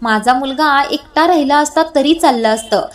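A woman voicing a stern middle-aged mother who scolds a young woman loudly and sharply. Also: high-pitched, normal speed, lightly acted. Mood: scolding.

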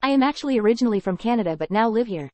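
Woman, English practice sentences, each said three times, careful even delivery, higher voice, dry close sound. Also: racing, no room sound. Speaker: model speaker for English learners. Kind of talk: slow repeated example sentences.

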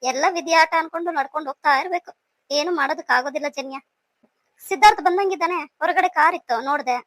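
Woman playing older cartoon mum, soft and motherly, dry close mic. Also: high-pitched, fast, dry recording. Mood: tender. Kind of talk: cartoon voice acting.

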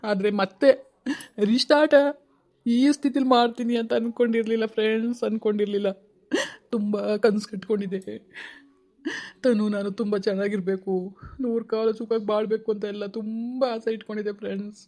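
A man with a Kannada accent speaks to his vlog viewers through tears, circling back over the same phrases. His voice is dark and mellow, and his pitch stays level and flat. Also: moderate pace, long pauses. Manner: tearful, pleading, repeats phrases. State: crying. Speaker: family vlog host. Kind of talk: emotional personal vlog talk to viewers.

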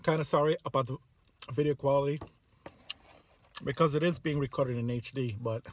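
A man's voice: mid-range voice, moderate pace, slight background noise. A man vlogging casually while eating, talking with his mouth full of food in a rambling way. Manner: rambling, repeats words, chewing while talking. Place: parked car outside a small-town hotel.

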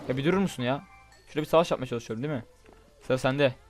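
A young man doing casual, excitable gameplay commentary, chatting straight to his viewers. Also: mid-range voice, rapid-fire. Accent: Turkish. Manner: chatty, excitable, talks to viewers as "guys" and "bro". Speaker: gaming YouTuber. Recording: faint game music behind.

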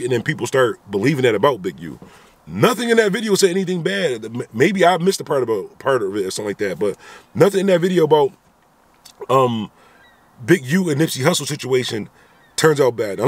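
There's a breathy edge to this man's medium-pitched voice, and the sound has no echo. In his thirties, he vlogs from a car into a phone camera held at arm's length, animatedly giving opinions punctuated by repeated rhetorical asides.

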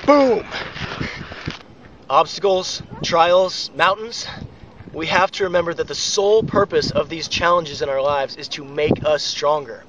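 A man's voice: fairly high pitch, normal speed, crowd noise. A man in his twenties giving an upbeat, earnest motivational talk to camera as he hosts a fitness vlog outdoors. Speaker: fitness challenge vlogger, host. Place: outdoors on an open hillside trail. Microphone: camera a few meters away. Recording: muffled, noisy outdoor audio, far from mic.

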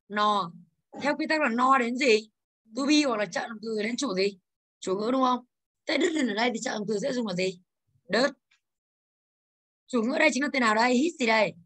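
High bright woman teacher, drills the class with questions. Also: moderate pace, pauses often. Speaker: English teacher.

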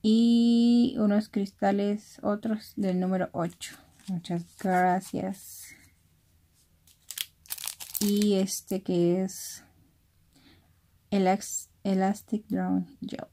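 Speaking softly so she won't wake the sleepers nearby, a young Mexican-accented woman narrates an unboxing for her craft vlog in a casual chat. Her mid-range voice barely moves in pitch, and she draws out words and leaves long pauses. Clicks, rustling and crinkling packaging fill the noisy room.

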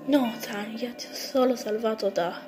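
A woman's voice: on the high side, normal speed, natural voice. Woman doing a deluded killer mouse brother. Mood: insistent. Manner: insistent, self-righteous. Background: music.

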